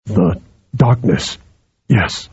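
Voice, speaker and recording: A man voicing a husky, halting dock worker. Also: on the low side, a little mellow, dry recording, highs cut off, exaggerated voice. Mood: fearful. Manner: slow, hesitant, halting speech. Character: troubled middle-aged male dock worker.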